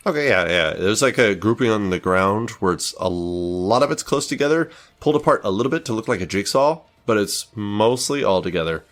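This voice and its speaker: A man working as game master, improvising tabletop narration in a casual, halting way. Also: on the low side, expressive, a bit bright.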